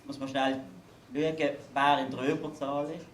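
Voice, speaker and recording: On an event stage in a hangar, a man with a Basel Swiss German accent performs satirical carnival verses, delivering punchlines dryly and wryly. His mid-range voice is level and unhurried over loud music, with roomy hall echo.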